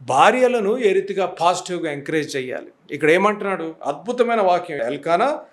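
High-voiced emphatic preaching man. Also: animated, brisk. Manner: emphatic, rhetorical questions, mixes in English phrases. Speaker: pastor. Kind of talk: sermon.

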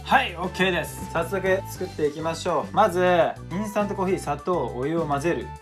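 A young man, chatting excitably and casually while cooking at home for his vlog. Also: fairly high pitch, fast. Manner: excitable, chatty, exclaims often. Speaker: vlogger. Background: background music.

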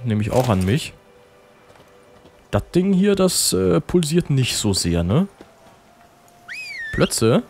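A man's voice: on the high side, sing-song, slow pace, vocal fry, long pauses, darkish tone, faint music behind. A man giving casual, joking gameplay commentary and reading game text aloud. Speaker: let's play host.

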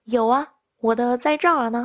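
A woman's voice: fairly high pitch, moderate pace, a bit bright. A woman teaching a listen-and-repeat language lesson, patiently saying each phrase twice.

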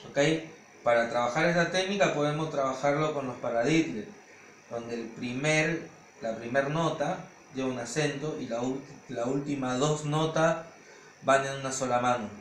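A man's voice: mid-range voice, normal speed, a little hiss or hum. A man teaching drum technique, explaining step by step and counting beats aloud. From Argentina. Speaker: percussion teacher. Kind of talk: hands-on drum technique lesson. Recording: echoey room with loud drumming.

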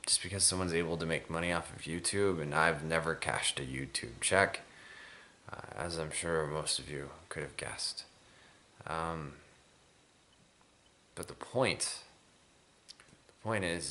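Weary, low-pitched young man rambling. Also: pushed and bright, slight background noise. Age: 20s. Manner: weary, drowsy, hesitant rambling. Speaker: video blogger. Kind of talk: casual rambling chat to camera. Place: small room indoors at home.

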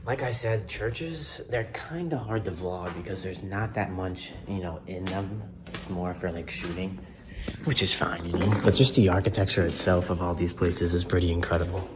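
A young adult urban explorer vlogger walks through a large abandoned church, talking to his handheld camera on the move. His low voice keeps a normal speed over a noisy background, and he's laid-back and rambling, full of fillers like "um" and "you know."

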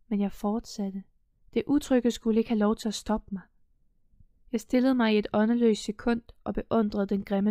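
A young woman reading a first-person audiobook in a calm, measured way, dropping to a hush in tense moments. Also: a little high, no echo, studio quality. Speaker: audiobook narrator.

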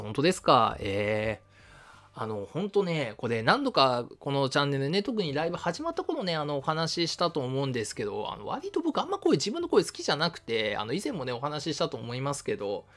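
A man from Shizuoka hosting a history live stream, reading viewer comments in a casual, friendly way with lots of fillers. He calls his own voice fairly high. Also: sing-song, a little fast, fairly bright tone. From Shizuoka, Japan. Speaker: history channel host.

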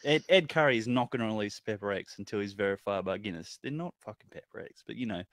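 Australian male livestream guest, fairly deep, dry close sound, easygoing blokey chat. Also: expressive, quick pace, a bit bright, no echo. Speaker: chilli challenge livestream guest. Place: indoors at home, on a video call.

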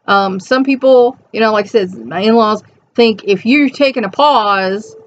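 Dull, lo-fi webcam audio captures a middle-aged host in a small, cluttered home room, her high, soft voice a little slow. She reads passages from an inspirational reflection and comments on them, chatting reflectively to camera with rambling asides.

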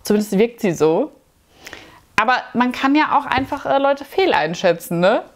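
A woman's voice: on the high side, expressive, normal speed. A woman in her thirties giving a casual, opinionated reaction commentary with sarcastic asides, recorded indoors in a small dim room on a clip-on mic. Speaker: YouTube commentator.

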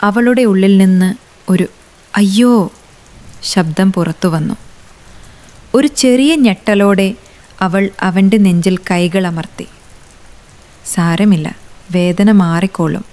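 A woman reading a romance story aloud as scripted narration, with a measured, unhurried delivery. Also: medium pitch, a little mellow.

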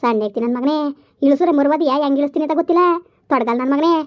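A woman playing a furious village mother who scolds her grown son in shrill, rapid-fire curses in a rural comedy drama. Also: natural voice. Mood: furious scolding. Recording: dull lo-fi recording.

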